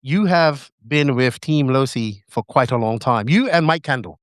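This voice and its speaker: A man's voice: mid-range voice, lively intonation, normal speed, no echo, clean studio sound. A man hosting a remote podcast, asking loose, rambling questions in a casual way. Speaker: podcast host. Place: remote, virtual studio.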